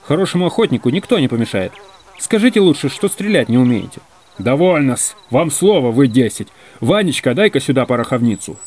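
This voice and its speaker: A male reader voicing a hot-tempered retired old general who scolds and shouts. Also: medium pitch, sing-song, fairly quick. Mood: irritated, scolding.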